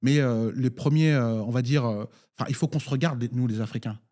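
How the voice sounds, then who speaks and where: A man from Nigeria taking part in a political debate as a municipal councillor. He speaks haltingly, with frequent fillers and restarts, in a mellow, dark voice at a middling pitch. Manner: hesitant, many fillers and restarts.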